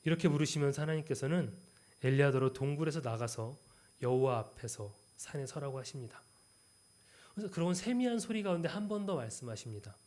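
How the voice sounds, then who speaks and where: A young man preaching a midweek church sermon, swinging between loud, emphatic lines and soft, tender passages. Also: on the high side, expressive, fairly quick.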